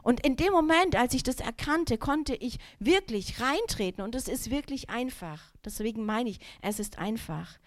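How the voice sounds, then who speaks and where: A woman in her thirties giving a personal testimony in a sermon, telling her story in a lively way, acting out her own thoughts and talking straight to the listeners. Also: on the high side, normal speed, few pauses. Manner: direct, addresses the listeners.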